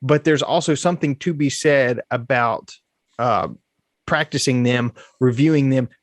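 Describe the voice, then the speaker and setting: A man's voice: medium pitch, measured pace, no echo. A man co-hosting a college football podcast, chatting casually and often repeating his first words. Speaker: podcast co-host. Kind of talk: casual sports podcast chat.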